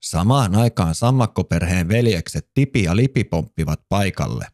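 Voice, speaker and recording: A man narrating a children's story in a gentle storytelling manner. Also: low-pitched, animated, no room sound.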